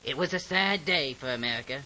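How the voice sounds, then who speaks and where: A man's voice: mid-range voice, expressive, fairly quick, sharp tone, poor audio. An actor playing an older bereaved father, mock-grave and solemn in a documentary interview. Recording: faint hiss.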